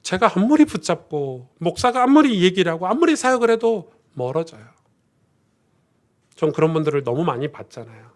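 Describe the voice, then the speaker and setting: A middle-aged man preaching a Sunday sermon as pastor, telling stories and rising into fervent prayer. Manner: storytelling, swells to fervent high-pitched prayer. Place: church sanctuary.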